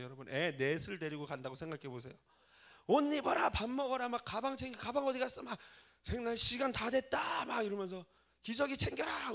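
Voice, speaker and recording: A man in his forties from Korea, a pastor giving a sermon in a church, telling stories with acted-out quotes and putting questions to the congregation. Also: high-pitched. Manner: animated storytelling, acts out quoted voices, asks the congregation questions. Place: church sanctuary.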